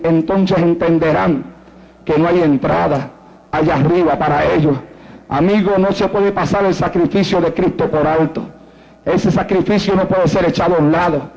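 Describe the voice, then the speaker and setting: A man's voice: high-pitched, a little mellow, poor audio. A male pastor preaching a fervent sermon, hammering points through repetition.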